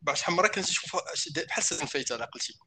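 A man's voice: on the high side, expressive, rapid-fire, pushed and bright, slightly rough. A man with a Moroccan accent co-hosting a casual chat, rambling and often restarting his sentences. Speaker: podcast co-host. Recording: faint background noise.

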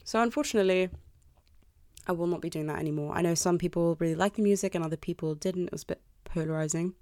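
A woman's voice: lowish voice, fast, warm tone, dry recording, clean studio sound. A woman in her early twenties hosting a solo podcast, talking candidly and apologetically with a self-deprecating, confessional manner. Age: early 20s. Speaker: podcast host. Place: bedroom. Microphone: close podcast microphone.

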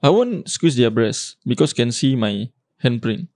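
A man's voice: medium pitch, sing-song, measured pace, darkish tone, dry recording, clean studio sound. A man with a Malaysian or Singaporean English accent, a podcast co-host bantering in blunt, sweary Malay-English slang.

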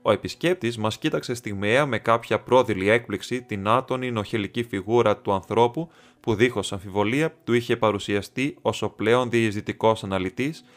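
Low-voiced male audiobook narrator. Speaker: audiobook reader.

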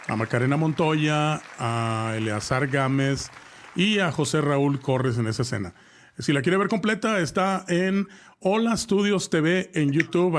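Chatty man telling a horror story. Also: mid-range voice. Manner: rambling with many "este" fillers and restarts; chatty, addresses co-host directly with slang. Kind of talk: casual live-show storytelling.

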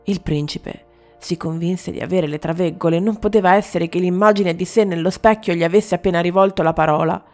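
A woman narrating a fairy tale in a calm, measured storybook reading. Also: fairly low pitch. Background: faint music.

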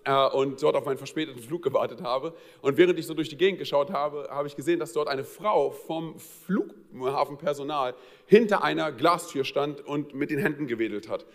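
A man preaching a sermon to his church congregation, talking straight to the listeners in a conversational, humorous storytelling way with plenty of fillers. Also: fairly high pitch. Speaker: pastor. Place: church service. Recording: long reverb of a large hall.

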